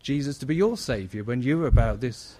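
A man giving a lively children's talk in church, acting out his points with big shouts and questions. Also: mid-range voice, a little fast. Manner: animated, acts out shouting for help.

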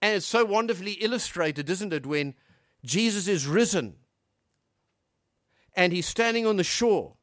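This earnest sermon comes from an African man whose high-pitched, expressive voice moves at normal speed with long pauses, alternating hushed and emphatic moments around rhetorical questions. The recording is dry and studio-clean.

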